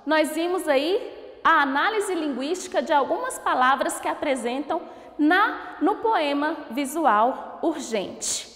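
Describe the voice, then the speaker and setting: A Brazilian woman teaching young pupils, her high voice rising and falling a lot as she asks questions and praises answers. She talks slowly, drawing out each syllable of a word. The recording sits in a room with a long, roomy reverb. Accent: Brazilian Portuguese. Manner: slow, drawn-out syllable-by-syllable word pronunciation. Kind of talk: recorded school lesson for children.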